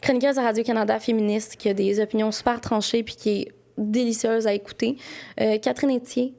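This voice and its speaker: A woman's voice: a little high, steady tone, brisk, gravelly, mellow. A young woman with a Quebec French accent, chatting casually as a podcast guest and filling her speech with little asides. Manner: chatty, lots of fillers like "là" and "tu sais". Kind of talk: casual interview chat.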